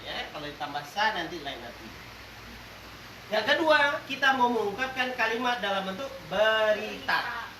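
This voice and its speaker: A religious teacher with a voice that sits high runs a lively grammar lesson built on call-and-response, playfully quizzing the class, cracking jokes and stretching example words out slowly. The recording is roomy and distant, with faint background noise.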